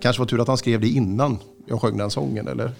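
A man's voice: mid-range voice, steady tone, vocal fry, a little mellow, soft background music. Joking, stammering Swedish radio host, male. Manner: joking, laughs often, halting restarts. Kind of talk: casual studio banter.

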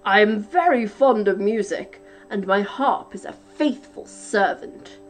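Woman putting on a booming, menacing giant. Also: lively intonation, unhurried, soft background music, close to an everyday voice. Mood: bossy, demanding. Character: huge roaring male giant, greedy, menacing, bossy.

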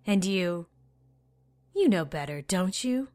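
A man reading a storybook, voicing a calm, scheming ancient sorceress with slow, condescending speech. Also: high-pitched, voice pushed up. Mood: mocking.

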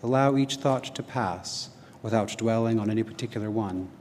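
A man leading a guided relaxation meditation in a calm, measured, gently instructing manner. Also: fairly low pitch. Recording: long hall reverb, noisy ambience.

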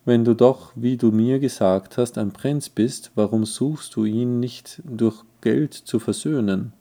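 A man's voice: medium pitch, unhurried, mellow, lightly acted. A man reading a coaxing werewolf. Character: cunning male werewolf, falsely kindly.

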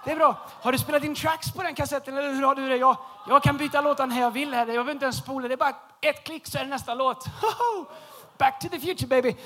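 A man preaching a humorous sermon in a church, telling a story with lively shouted punchlines. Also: extremely high pitch. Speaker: pastor. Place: large church hall.

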